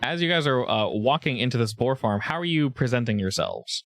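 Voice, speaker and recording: A man's voice: mid-range voice, lively intonation, fairly quick, fairly bright tone, dry recording, studio quality. A man running a tabletop game, narrating casually as game master.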